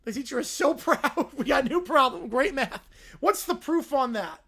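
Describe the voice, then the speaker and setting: A woman giving casual livestream reaction commentary, excitable and mocking, often gleefully repeating phrases. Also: high-pitched, moderate pace. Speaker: livestream host reacting to videos.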